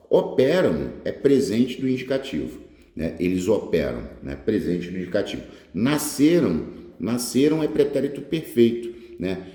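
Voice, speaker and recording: Male prep teacher from Brazil, lowish warm voice, informal and animated; roomy, reverberant recording. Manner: lively and informal, stretches words out, asks short check questions. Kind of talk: explaining test answers. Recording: echoey room, long reverb.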